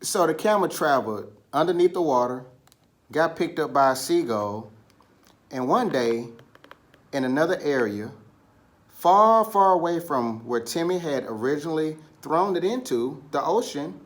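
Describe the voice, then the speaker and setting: A man reads and retells stories aloud for children, addressing them directly and asking them questions. His voice is on the high side and expressive, at a normal speed.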